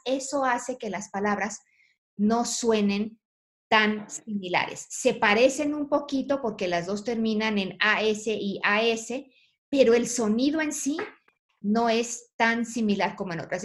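Encouraging woman teacher. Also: fairly high pitch. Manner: encouraging, explanatory, repeats students' phrases. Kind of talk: online class feedback.

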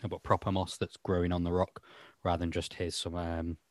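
Man, deep voice, podcast host, casual rambling chat, self-mocking, dry close sound. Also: completely flat delivery, brisk, no room sound.

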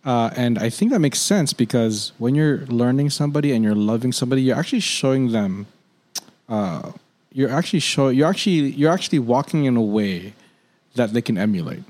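A man's voice: mid-range voice, expressive, brisk, darkish tone. Reflective man in casual faith chat. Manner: reflective, with restarts and repeated words.

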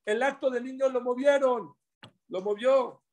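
A man giving a religious class, preaching in an animated way and acting out the quotes in his stories. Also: very high voice, unhurried. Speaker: religious teacher.

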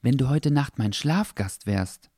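A man's voice: mid-range voice, lively intonation, dark tone, dry recording, clean studio sound, pitched above the performer's own voice. A man voicing an eager, polite young boy in a children's audio story. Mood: gentle. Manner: hurried, earnest child's voice.

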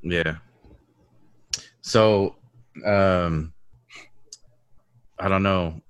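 A man's voice: deep voice, steady tone, extremely slow, clean tone, no echo, highs cut off. A man co-hosting a casual sports podcast, easygoing and agreeable, trading opinions and chiming in with short replies. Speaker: podcast co-host.

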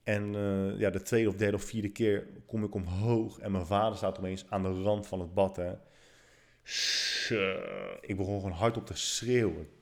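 Thirties male streamer, lowish voice, loose chatty delivery, curses and self-deprecating humor. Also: normal speed. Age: 30s. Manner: animated, swearing, self-mocking. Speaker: livestream host. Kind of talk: casual storytelling monologue.

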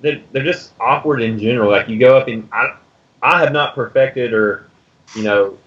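A man's voice: mid-range voice, a bit bright. A man with a mid-range voice chats casually, hunting for his words and restarting often. The recording sounds muffled and lo-fi. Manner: hesitant, halting. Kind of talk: casual chat. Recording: dull lo-fi recording.

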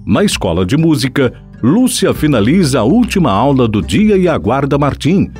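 A man's voice: mid-range voice, very animated, normal speed. A Brazilian man narrating in a dramatic, solemn manner, like an old radio serial announcer. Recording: studio voice over loud music bed. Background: loud guitar music.

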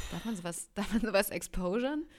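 A woman's voice: medium pitch, expressive, moderate pace. A young woman co-hosting a podcast, chatting casually and telling a rambling story with frequent giggles. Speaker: podcast co-host.

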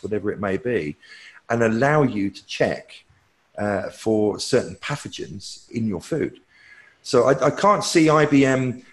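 A man, a technology expert guest, answering viewer questions in a rambling, self-correcting, opinionated way. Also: fairly low pitch.

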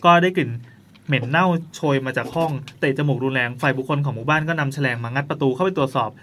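A man's voice: mid-range voice, fairly bright tone. A man co-hosting a casual podcast, reading odd news stories aloud with playful, dramatic emphasis. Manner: quick, playful, reads headlines with exaggerated drama. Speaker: podcast co-host.

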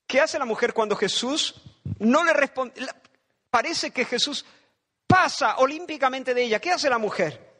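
High-voiced dramatic Spanish preacher. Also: male voice, expressive, moderate pace, pushed and bright. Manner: dramatic, acts out biblical voices, repeats phrases for emphasis. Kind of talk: sermon.

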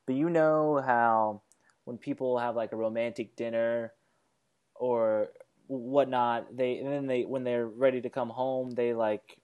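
A man of middle pitch co-hosting a relaxed movie podcast. He jokes and teases his co-host. He rambles, often restarting his sentences. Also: unhurried, clean tone, highs cut off. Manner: joking, teasing, rambling with restarts. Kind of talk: casual movie-review podcast chat.

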